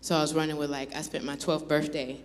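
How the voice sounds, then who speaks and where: A woman's voice: deep voice, flat delivery, fast, a little hiss or hum. Woman, guest worship leader, frank testimony with light humor, reverberant church hall. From Buffalo, New York. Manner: candid, self-deprecating humor. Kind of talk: personal testimony.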